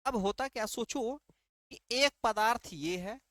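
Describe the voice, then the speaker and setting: A man with a very high, bright, forceful voice leads an exam-prep lesson at a measured pace, recorded cleanly in a studio without echo. Rhetorical questions get answered by him, key terms are repeated, and "ठीक है" checks understanding.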